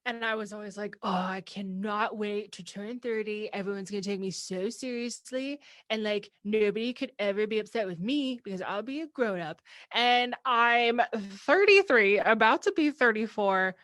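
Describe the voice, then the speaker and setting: A woman's voice: mid-range voice, normal speed, few pauses, a bit bright, dry recording, clean studio sound. A woman in her thirties hosting a podcast, talking candidly in casual chat and laughing often. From American Midwest. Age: 30s. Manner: candid and talkative, with frequent laughs. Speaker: podcast host.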